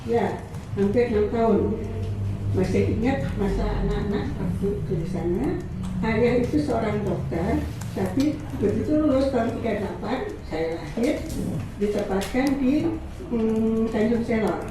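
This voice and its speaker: A woman's voice: a little high, normal speed. Elderly woman recalling childhood, echoey room. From Indonesia. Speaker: family member interviewee. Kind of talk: personal recollection. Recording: echoey room, distant mic, background noise.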